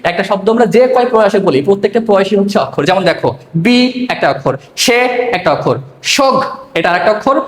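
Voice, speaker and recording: Male tutor, high pitch, patient step-by-step explainer, echoey room. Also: animated, fast. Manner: explains step by step, asks and answers own questions. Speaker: teacher. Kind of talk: online pronunciation lesson.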